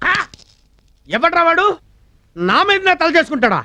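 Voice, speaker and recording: A man in a slapstick film comedy scene, loud and whiny, yelping and groaning in pain. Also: very high-pitched, big pitch swings, moderate pace, dry recording. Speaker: comic film character. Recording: film soundtrack with music behind. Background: film score music.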